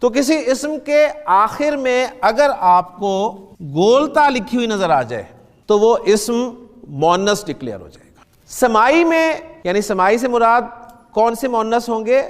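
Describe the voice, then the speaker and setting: A man's voice: high-pitched, in a large hall. A man teaching a beginners' grammar lesson, patiently explaining step by step and asking the class questions.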